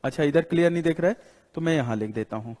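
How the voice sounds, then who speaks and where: A man's voice: a little high, racing, a little mellow. A man with an Indian accent teaching an English lesson, repeating rules and quizzing students as he writes on the board. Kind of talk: classroom lecture in Hindi. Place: classroom with a board. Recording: long hall reverb.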